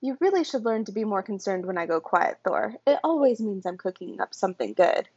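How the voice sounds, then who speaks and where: A woman's voice: mid-range voice, very animated, fairly quick, darkish tone, slightly rough. A woman reading the lines of a smug, teasing female trickster who mocks her brother. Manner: mocking, teasing. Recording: dull lo-fi home recording.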